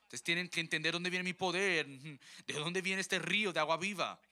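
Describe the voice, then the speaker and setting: A man's voice: a little high, moderate pace, pushed and bright, clear, resonant tone. A man preaching a sermon, telling a conversion story and addressing the congregation as his brothers.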